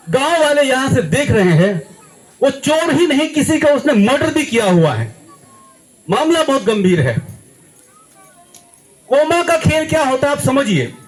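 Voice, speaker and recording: Young male guest speaker at a school, high voice, unhurried, emphatic, quizzes the room. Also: low-quality recording. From India. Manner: emphatic, quizzes the audience and acts out examples. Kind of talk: motivational address to students.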